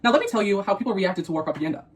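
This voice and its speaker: Extremely fast-talking young woman co-host. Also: medium pitch, lively intonation. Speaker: co-host of a mukbang video. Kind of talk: scripted explainer mixed with playful banter.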